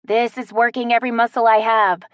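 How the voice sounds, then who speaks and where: A woman's voice: on the high side, little pitch movement, fairly quick, no echo, studio quality, pitched above the performer's own voice, lightly acted. A woman voicing a stubborn, strong-willed woman who teases and refuses to back down. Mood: defiant. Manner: teasing, defiant.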